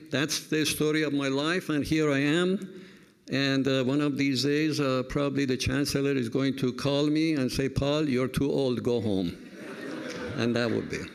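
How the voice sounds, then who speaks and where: Gravelly-voiced man in his seventies. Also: medium pitch, slight background noise. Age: 70s. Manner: reflective, anecdotal, warm humor. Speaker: retired-age professor giving a speech. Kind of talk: personal speech at an event.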